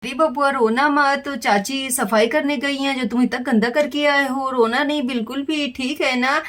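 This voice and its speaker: A brisk, high-voiced young village mother, as a woman voices her in a children's bedtime storybook tale. She talks fast and chatty while she tidies, and her scolding stays fond. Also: steady tone, darkish tone, natural voice. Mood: soft scolding. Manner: brisk, chatty, fussing over a baby.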